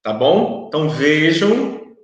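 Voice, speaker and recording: Speaking slowly with a fairly high pitch and wide swings in intonation, a man gives a recorded online university lecture. The audio sounds dull and the room is very echoey. He walks through the material step by step, regularly using tags to confirm that students understand.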